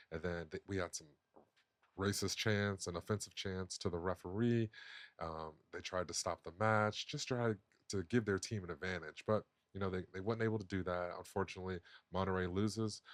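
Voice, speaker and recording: A man hosting a casual sports podcast, talking in an animated, opinionated way with plenty of fillers and restarts. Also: deep voice, no echo. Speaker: podcast host.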